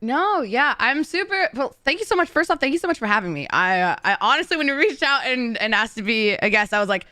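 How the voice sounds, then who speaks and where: Bright, bubbly woman from Texas. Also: sits high, brisk, few pauses, no echo, studio quality. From Texas, USA. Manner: giggly, animated storytelling. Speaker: podcast guest, streamer. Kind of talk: casual podcast chat.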